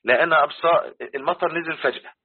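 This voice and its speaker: A man's voice: fairly high pitch, steady tone, fast, husky. A man with an Egyptian Arabic accent explaining Quran commentary to a class, repeating his points and often checking that listeners follow. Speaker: religious teacher. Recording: tinny phone-like recording.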